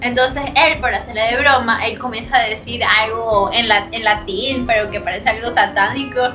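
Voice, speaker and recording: A young woman with a high, bright voice chats fast with friends, lively, laughing and cutting in often. Faint music sits under the talk. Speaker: podcast co-host. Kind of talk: casual chat.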